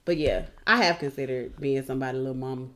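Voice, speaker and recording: A woman's voice: extremely low pitch, fast, fairly bright tone. A woman in her thirties co-hosting a podcast, telling a story in a casual, slangy and blunt way, often laughing. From West Side. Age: 30s. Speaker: podcast co-host.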